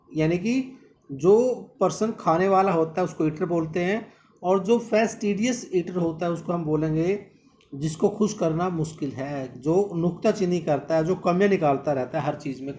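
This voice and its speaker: High-voiced man teaching vocabulary. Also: moderate pace, darkish tone, slight background noise. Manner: repeats words often and calls the students "my dear". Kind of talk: exam-prep vocabulary lesson.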